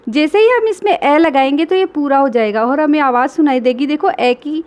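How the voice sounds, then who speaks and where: A woman teacher giving a reading lesson to children, slowly and patiently sounding out syllables and talking directly to the kids. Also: high-pitched, a little mellow.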